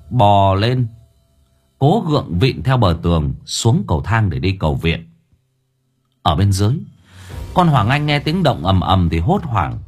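A man narrating a horror audiobook with expressive, dramatic storytelling. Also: mid-range voice, slightly rough. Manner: expressive storytelling with vivid sound words.

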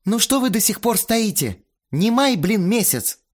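A brisk, commanding young woman, voiced by a male narrator who runs a film shoot in an audiobook. The voice is pushed well up in pitch and moves a lot as she gives orders. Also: very animated, heavily acted. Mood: bossy.

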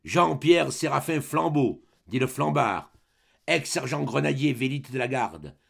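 A man's voice: medium pitch, expressive, measured pace, gravelly, slightly rough, heavily acted. A man reading as a proud old grenadier sergeant. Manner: declaiming, rhythmic verse delivery. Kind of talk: dramatic reading of a verse play.

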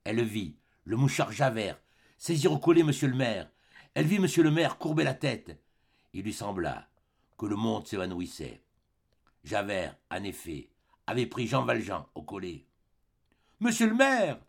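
A man reading a classic novel aloud as an audiobook, expressive, dropping low and soft at grave moments. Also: normal speed, gravelly, slightly rough. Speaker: audiobook reader. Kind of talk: dramatic audiobook narration.

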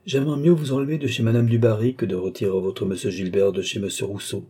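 A man's voice: fairly low pitch, fairly even intonation, quick pace, dark tone, husky. A man voicing a shrewd, fussy middle-aged police chief in an audiobook, speaking emphatically. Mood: mocking.

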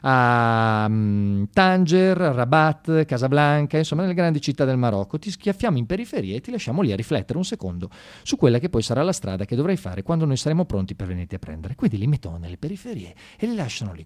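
A medium-pitched man with a darkish tone speaks from a radio studio. The monologue performer and storyteller offers informal satire directly to listeners, colloquial in language and ironic, mock-enthusiastic in spirit.

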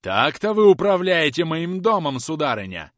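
A man reading an audiobook aloud, voicing a stern, pompous wealthy gentleman who speaks in a cold, commanding tone. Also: mid-range voice, lively intonation, moderate pace, no echo, clean studio sound, pitched above the performer's own voice, lightly acted. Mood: indignant. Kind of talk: audiobook character voice.

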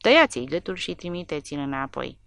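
A woman's voice: sits low, sing-song, creaky, a bit bright, no room sound, clean studio sound, full character voice. A woman voicing a hateful male soldier who rants harshly. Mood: furious. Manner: harsh, ranting.

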